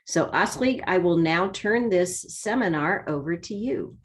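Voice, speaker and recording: A woman hosting an online seminar, giving a measured, formal introduction with an occasional filler. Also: fairly low pitch, animated. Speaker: seminar host. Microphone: video call.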